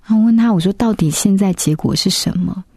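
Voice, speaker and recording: A woman, recounting a personal story in a soft, reflective way. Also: medium pitch, brisk, no echo, studio quality. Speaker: interview guest. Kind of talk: personal testimony.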